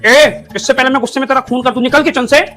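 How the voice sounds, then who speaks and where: An actor playing a sharp-tongued grandmother who scolds her granddaughter. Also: mid-range voice, brisk, lightly acted. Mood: scolding. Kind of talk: comedy sketch acting.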